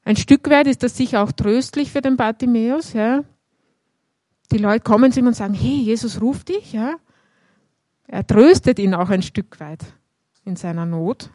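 A woman gives a sermon in an easy, conversational way. She keeps checking in with her listeners with a soft "ja" and works through the passage one step at a time. Her voice is recorded close and dry, with no room sound. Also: a little high, normal speed, no echo. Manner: conversational, frequent "ja" tags. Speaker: preacher. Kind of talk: sermon with Bible reading.

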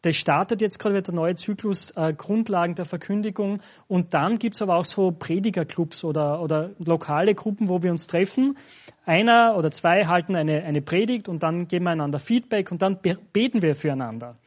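Speaking brisk and high, a Styrian man in his forties visits a church as a guest pastor and talks to the congregation in a direct, informal way. The sound of the recording is lo-fi and dull.

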